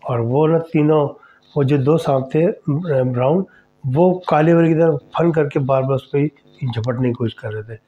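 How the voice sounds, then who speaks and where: A male host telling a horror story in a chatty, conversational way. He speaks straight to his listeners as he narrates. The recording is somewhat dull and lo-fi. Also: fairly high pitch. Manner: conversational, addresses listeners directly.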